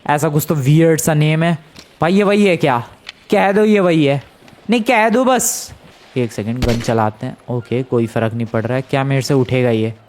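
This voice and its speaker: Hyped up guy narrating his game to viewers, kinda high voice. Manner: excitable, exclaiming, talks to viewers as friends. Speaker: gameplay commentator. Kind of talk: casual game commentary.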